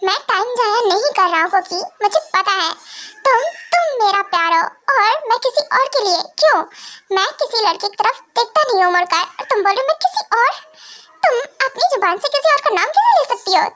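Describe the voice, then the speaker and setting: A woman's voice: extremely high pitch, sing-song, a little fast, sharp tone, heavily acted. A woman voicing a possessive male vampire lover who swings between threats and pleading, in an amateur fan drama. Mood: jealous. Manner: alternates threats and tearful pleading.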